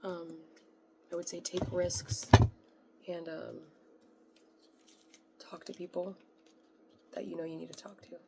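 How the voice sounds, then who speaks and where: A woman giving a casual astrology reading, talking softly and rambling, with blunt, profane asides. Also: on the low side, flat delivery, slow, gravelly, long pauses, very noisy. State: voice quiet today. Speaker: astrology reader. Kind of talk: casual tarot-style astrology talk.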